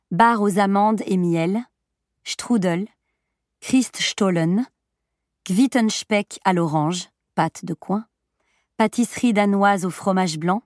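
A woman narrating an audiobook with an even, measured reading. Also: medium pitch, dry recording, studio quality. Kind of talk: scripted narration.

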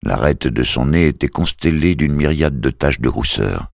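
A man reading a novel aloud as narrator, in a steady, measured way. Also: extremely low pitch, gravelly, no echo, studio quality. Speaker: audiobook narrator. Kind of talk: scripted narration.

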